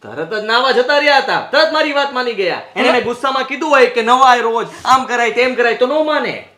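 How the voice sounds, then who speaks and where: A man's voice: very high voice, expressive, fairly quick, echoey room, full character voice. An actor playing a husband who defends himself against his wife in a family drama, pleading and then losing his temper. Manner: pleading then shouting in anger. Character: defensive husband, quick to anger. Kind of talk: Gujarati short-film family drama acting.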